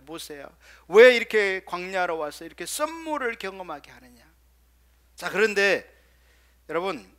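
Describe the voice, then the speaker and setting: A male pastor preaching a sermon, firing rhetorical questions at the congregation and dropping into soft, quiet asides. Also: sits high.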